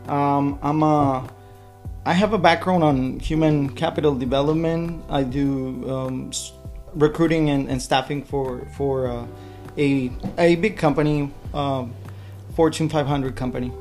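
A friendly man from Mexico with a Mexican accent answers interview questions. He speaks thoughtfully, with fillers and restarts, in a somewhat high voice. Faint music plays behind him. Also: fairly even intonation, measured pace, darkish tone. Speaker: interview guest. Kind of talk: casual interview.

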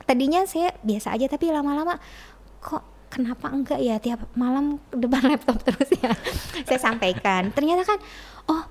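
A middle-aged woman with a slightly high voice talks as a guest, telling her own story candidly. She is chatty and warm, and she often laughs in the middle of a sentence. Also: animated, moderate pace, a little hiss or hum.

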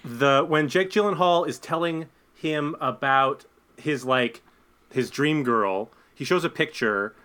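A young man co-hosting a podcast, chatting casually about a movie with wry, dry humor and halting restarts. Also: a little high, fairly bright tone, smooth. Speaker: podcast co-host. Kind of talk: casual movie review chat.

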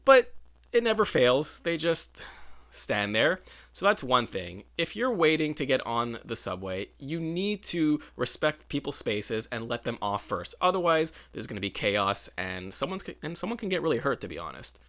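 A man's voice: medium pitch, sing-song, normal speed, few pauses, a bit bright. Wry rambling man. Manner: rambling, self-correcting, wry asides. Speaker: vlogger. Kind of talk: casual monologue.

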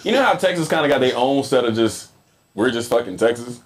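A man co-hosting a casual podcast chat, joking and swearing as he riffs on sports and news. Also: medium pitch. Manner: animated, joking, profane, quick.

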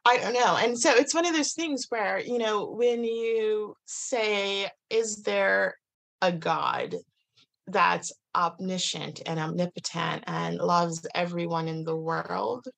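A woman guest telling a personal story in casual conversation, animated, full of "like" and restarts, acting out what people said. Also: mid-range voice, slow, vocal fry. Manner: animated, many "like"s and restarts, acts out quotes.

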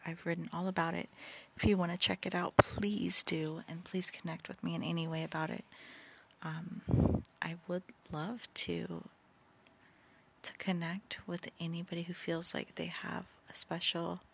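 Soft whispery lady doing a late night podcast at home, sleepy and yawning, kinda low and creaky. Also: fairly even intonation, a little slow, a little hiss or hum. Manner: whispering softly, yawning often. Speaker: podcast host and author.

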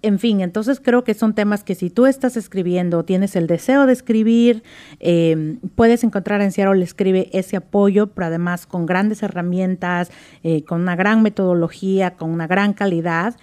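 A woman's voice: mid-range voice, moderate pace, mellow. A woman from Oaxaca with a Mexican accent, guesting on a radio interview and talking with gushing enthusiasm. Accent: Mexican Spanish. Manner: effusive and enthusiastic, stresses words like "super". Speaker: interview guest, writing group member.

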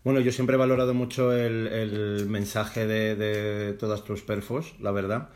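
Playful, chatty podcast host. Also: male voice, on the low side, little pitch movement, a little slow, darkish tone. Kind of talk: casual podcast interview.

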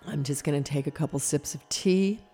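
A woman's voice: sits low, mellow, breathy edge. Woman, spiritual talk before meditation, morning voice, reflective, meandering, faint sitar music behind. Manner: meandering, reflective, with many pauses and fillers. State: early-morning voice. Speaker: spiritual healer leading meditation.

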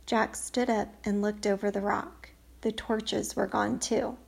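A woman's voice: mid-range voice, little pitch movement, measured pace, gravelly, breathy edge. A woman reading a children's storybook aloud, lifting her voice for the characters' lines. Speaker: audiobook reader. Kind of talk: storybook narration.

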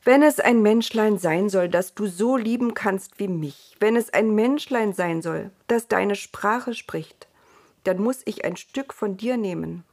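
A woman reading the part of God in a storybook, a stern but tender creator speaking slowly and gently. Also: medium pitch. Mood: grave.

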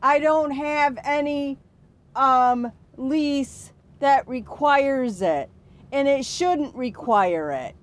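A woman's voice: sits high, extremely slow. A woman customer speaking firmly and indignantly in a complaint call, insisting on her point. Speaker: customer calling to dispute a charge. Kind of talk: phone complaint conversation.

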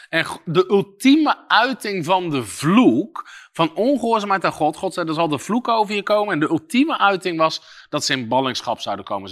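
Bright-voiced emphatic male preacher. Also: medium pitch. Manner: emphatic, reads scripture aloud and explains it; answers imagined questions from listeners. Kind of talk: sermon.

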